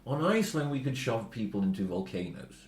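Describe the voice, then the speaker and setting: A man's voice: mid-range voice, big pitch swings, a little fast, roomy sound. A man from northern Norway co-hosting a podcast, joking and swearing often and laughing as he talks. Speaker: podcast co-host. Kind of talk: casual podcast banter.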